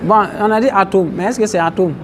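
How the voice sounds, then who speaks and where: The background is noisy as this fast-talking, high-pitched man teaches. An Islamic teacher in a mosque, he explains Arabic terms to his religious class and questions them, with faint traffic sounding from outdoors.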